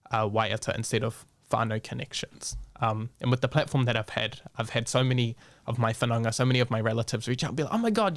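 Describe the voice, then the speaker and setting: A young man with a New Zealand accent talks frankly in a relaxed interview, swearing freely and dropping in Māori words. His voice sits at an ordinary middle pitch. The recording is close and dry, with no room sound. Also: dry recording. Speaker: guest. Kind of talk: casual podcast interview.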